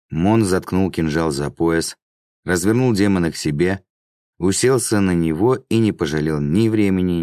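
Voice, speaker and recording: A man narrates a fantasy tale in an extremely low, deep voice. His telling is steady and even. The sound is close and dry, with no room echo. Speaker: audiobook narrator.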